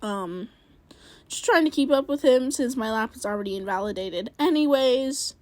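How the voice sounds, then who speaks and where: A woman's voice: a little high, animated, moderate pace, no room sound. A woman giving casual play-by-play commentary on her own racing game, rambling and self-critical, with many fillers. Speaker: gaming video creator.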